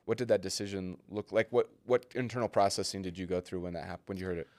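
A man's voice: low-pitched, fast, no echo. A man in his forties, a pastor co-hosting a podcast, telling stories casually with fillers and laughs. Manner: storytelling, relaxed with frequent fillers and laughs.

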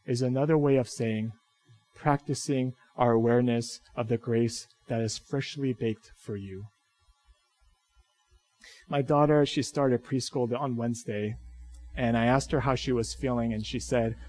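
A pastor preaching a sermon, telling a family story with sudden swings between loud emphasis and quiet asides. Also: male voice, mid-range voice.

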